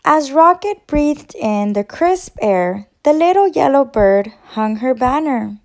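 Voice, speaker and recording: A woman teacher reading a children's picture book aloud in an expressive, gentle storytelling manner. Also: high voice, takes it slowly.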